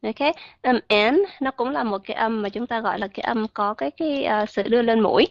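Woman, pronunciation teacher, online class. Patient explainer, models words slowly. Slightly high voice, dull lo-fi audio.

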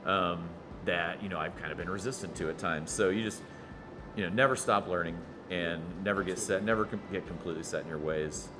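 A man's voice: low voice, fairly quick. A man in his thirties, a brewery co-owner, talking casually and a bit hesitantly, with many fillers. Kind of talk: casual on-camera explanation. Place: brewery taproom and brewhouse. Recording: music playing behind.

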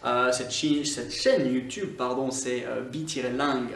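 A man's voice: mid-range voice, fairly even intonation, gravelly, fairly bright tone. Scottish man teaching in echoey room. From Scotland. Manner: explanatory, stresses example words slowly. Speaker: online English teacher. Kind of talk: French-language English grammar lesson. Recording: echoey room, somewhat far from mic.

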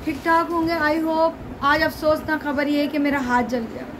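Vlogger woman, high voice, playfully dramatic, home kitchen. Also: steady tone, moderate pace, noisy background. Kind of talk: casual home cooking vlog. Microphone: phone camera.

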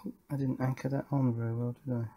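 At an indoor workbench, a middle-aged hobbyist speaks quickly in a level, dark-toned voice of average pitch. His manner is relaxed and hands-on as he reasons aloud and asks himself questions along the way.

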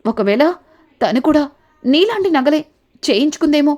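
A woman's voice: sits high, big pitch swings, moderate pace, a little mellow, muffled recording. A woman voicing a stern middle-aged mother-in-law who scolds the young women of the house. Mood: scolding.

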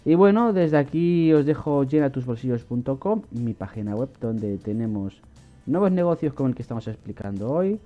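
A man talks through a website in a casual screen-recorded walkthrough, stopping often to restart his sentences. His voice sits at an ordinary middle pitch. The recording is a little dull and lo-fi, with faint music behind him. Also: animated, moderate pace. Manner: casual explainer with frequent fillers and restarts. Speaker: online money-making channel host.

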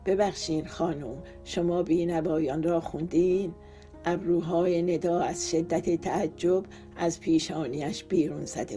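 A woman narrating a romance novel as an audiobook in a calm, expressive storytelling manner. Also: low-pitched. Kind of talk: scripted narration.

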